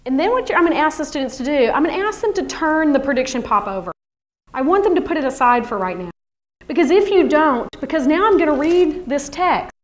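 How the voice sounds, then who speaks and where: Brief: woman teacher trainer, higher voice, animated workshop delivery. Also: brisk. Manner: lively, animated, acts out kids' voices. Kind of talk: workshop presentation.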